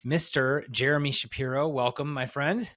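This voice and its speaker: A man's voice: medium pitch, fairly even intonation, normal speed, fairly bright tone. Enthusiastic male podcast host. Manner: enthusiastic, rambling with restarts. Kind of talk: casual interview.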